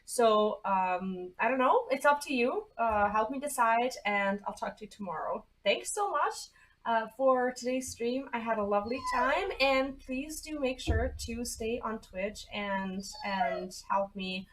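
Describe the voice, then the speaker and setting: Casual streamer: a high-voiced woman who rambles and swears while playing a game. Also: animated, a little slow, poor audio. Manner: chatty, swearing, rambling with many "like"s and laughs. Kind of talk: casual live-stream chat.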